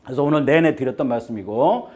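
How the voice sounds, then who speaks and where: A man's voice: mid-range voice, fast talker, a little mellow. A man giving a talk to parents as an admissions consultant. He keeps joking and asks the audience again and again to agree. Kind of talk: lecture to parents. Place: seminar room with an audience.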